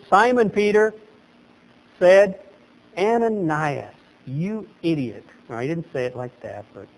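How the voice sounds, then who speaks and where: In a low-quality recording, a middle-aged pastor with a high-pitched voice preaches from a lectern in a small chapel. He is animated, gesturing as he goes, and his voice leaps upward for emphasis.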